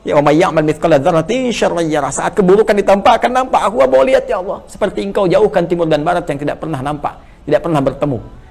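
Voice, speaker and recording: A male preacher talks quickly in a gravelly voice. His teaching rises loud and emphatic, then sinks into hushed, prayerful recitation. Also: on the high side. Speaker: Islamic preacher. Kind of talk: sermon answering a question.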